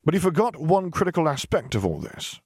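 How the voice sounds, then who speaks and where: A man's voice: mid-range voice, animated, moderate pace, dry recording, clean studio sound, pitched above the performer's own voice, lightly acted. A man voicing a smug, oily male officer who sneers and talks down to others. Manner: sneering, condescending, drawn out.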